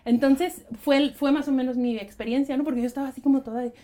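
A woman with a Mexican accent, a guest telling a personal story in animated, casual chat. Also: high-pitched, fast. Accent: Mexican Spanish. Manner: animated storytelling, quotes herself and others.

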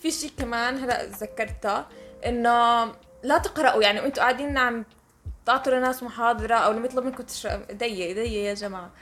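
A woman's voice: on the high side, fast talker, a bit bright, soft background music. A woman with a Levantine accent explaining things casually and emphatically to listeners as a podcast co-host.

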